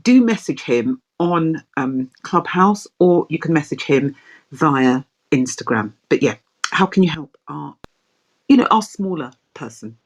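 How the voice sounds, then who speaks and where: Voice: mid-range voice, lively intonation, poor audio. A host thanking the guest and asking a question, stopping to search for words with many "um"s. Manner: warm thanks, halting with fillers while searching for words. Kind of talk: interviewer chat.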